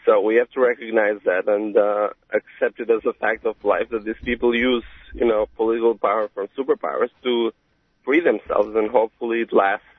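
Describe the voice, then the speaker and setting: A man from Albania calling into a radio show, speaking haltingly with many fillers. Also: on the low side, fairly even intonation, no echo. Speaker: caller. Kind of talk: call-in radio talk. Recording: tinny phone line on the radio.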